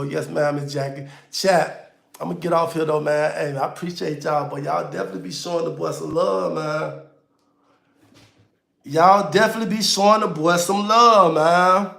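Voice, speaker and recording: Man, auto-tuned voice, gravelly, a bit high, loose slangy livestream chat, echoey room. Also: steady tone, normal speed. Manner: loose, slangy, talks straight to viewers. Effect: auto-tune on voice. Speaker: livestream host.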